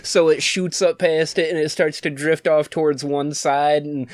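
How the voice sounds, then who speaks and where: Man, podcast co-host, higher voice, crude jokey banter, dry close sound. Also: steady tone, moderate pace, no echo. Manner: profane, joking, laughs a lot. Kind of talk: casual podcast chat.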